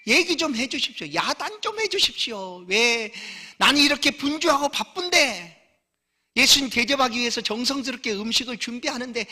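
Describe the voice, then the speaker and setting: A man's voice: very high voice, bright, forceful tone, pitched above the performer's own voice, exaggerated voice. A man voicing a busy, exasperated older sister pleading for help.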